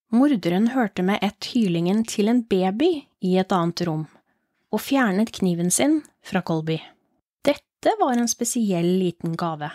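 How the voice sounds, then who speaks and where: A woman with a Norwegian accent reading a horror story aloud as a podcast host, in a calm, low, steady storytelling voice. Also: no echo, studio quality. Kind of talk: scripted horror story narration.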